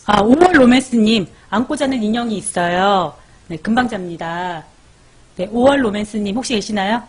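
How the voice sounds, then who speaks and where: A woman's voice: mid-range voice, lively intonation, normal speed, darkish tone, breathy edge. A woman hosting a live parenting stream, chatting casually as she reads viewer comments, calls out their names and gives baby sleep tips.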